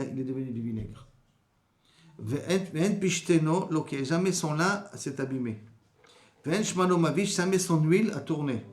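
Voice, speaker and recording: A man giving a Talmud class, reading Aramaic phrases and explaining them in casual French. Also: fairly high pitch. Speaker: rabbi teaching Talmud. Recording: echoey room.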